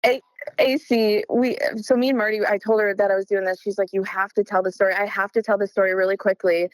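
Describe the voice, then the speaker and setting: A woman's voice: mid-range voice, little pitch movement, fast, no room sound, low-quality recording. A woman guest, a singer-songwriter, telling anecdotes in a casual podcast chat.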